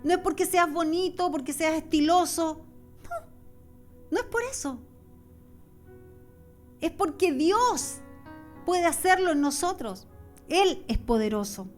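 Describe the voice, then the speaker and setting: A woman's voice: very high-pitched, lively intonation, slow, pauses often, faint music behind. A woman preaching a sermon, passionate and repetitive, acting out the voices she describes. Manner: impassioned, repetitive preaching with acted-out inner voices.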